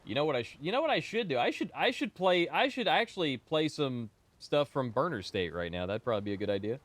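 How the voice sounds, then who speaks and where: Sick, lively esports caster man. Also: mid-range voice, fast talker, no room sound. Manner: chatty, playful, wanders off topic. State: sick, stuffy. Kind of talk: casual live-stream commentary.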